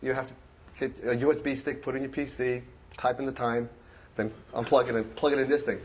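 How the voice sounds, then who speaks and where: At a club meeting, a man presents his collection in an informal show-and-tell about his hobby, speaking into a handheld mic. His mid-range voice stays steady, but his speech is halting, packed with fillers and restarts.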